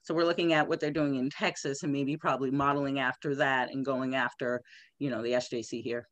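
A congressional candidate appears as a guest in a conversational interview, a woman whose rumbling low voice comes through with no room sound. She speaks emphatically and with animation, in quick bursts.

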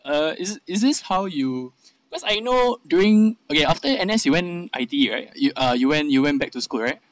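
A man's voice: on the high side, sing-song, moderate pace, dry recording, poor audio. A young man with a Singaporean accent, asking casual interview questions in Singlish, tentatively rephrasing as he goes.

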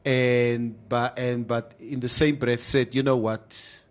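A man's voice: medium pitch, level tone, takes it slowly. A man hosting a casual, opinionated discussion, slipping in Afrikaans phrases. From South Africa. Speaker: talk show host.

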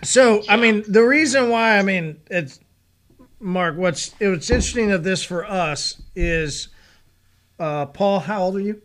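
High-voiced unhurried man in his forties. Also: a bit bright. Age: 40s. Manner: laughs often, loose and rambling questions. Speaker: podcast host. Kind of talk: casual interview chat.

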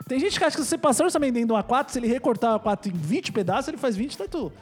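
A man's voice: extremely high pitch, expressive, very fast, faint music behind. A man, a podcast host, chatting casually and joking as he reads listener messages aloud. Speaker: podcast host, tattoo artist.

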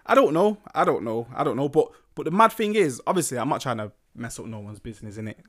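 A man's voice: mid-range voice, very animated, fast talker, a bit bright. A young man, chatting casually and in thick street slang as a musician being interviewed. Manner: slangy roadman talk. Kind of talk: casual chat.

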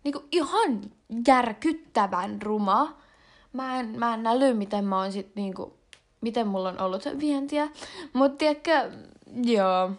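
A young adult woman vlogging in a casual confessional chat, rambling with lots of fillers and slang. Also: fairly high pitch. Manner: rambling and slangy, with frequent fillers and English words mixed in.

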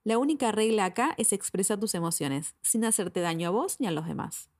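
Animated Argentine woman giving advice. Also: medium pitch, a little fast. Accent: Argentine Spanish. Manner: animated, direct, repeats words for emphasis. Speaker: psychologist. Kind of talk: advice talk to camera.

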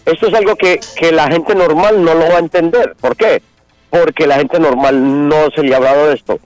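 A man's voice: a little high, steady tone, normal speed, no room sound, soft background music, rough recording. A man calling in to a radio show, explaining things in an earnest, preachy way. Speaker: caller. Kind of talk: religious explanation on call-in radio.

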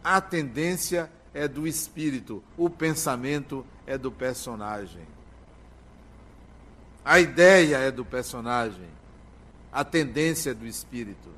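An older man delivering a spiritual lecture, speaking slowly and emphatically with drawn-out words and pauses. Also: mid-range voice, expressive, a bit bright.

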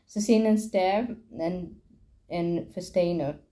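A woman's voice: on the low side, mellow. A woman voicing a joking divorced dad. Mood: gruff. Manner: brisk, falsely cheerful banter. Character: divorced father, a joking tabloid photographer.

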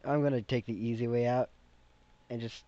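A man's voice: medium pitch, steady tone, normal speed, warm tone. A man running a tabletop game online, stumbling over names and swearing at himself. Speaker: game master. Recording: dull lo-fi voice chat.

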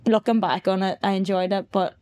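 A woman's voice: mid-range voice, steady tone, a little fast, darkish tone. A young woman with a Donegal Irish accent, chatting casually as a podcast guest. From County Donegal, Ireland. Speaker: podcast guest, newly qualified fitness coach. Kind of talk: casual chat.

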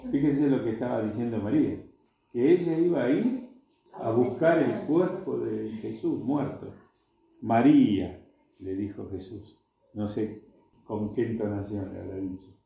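A man's voice: medium pitch, moderate pace, gravelly, warm tone. A man with an Argentine accent reading scripture aloud to a group and stopping to explain it in plain words. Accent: Argentine Spanish. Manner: reads aloud, then stops to add plain explanations. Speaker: Bible study teacher. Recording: echoey room.

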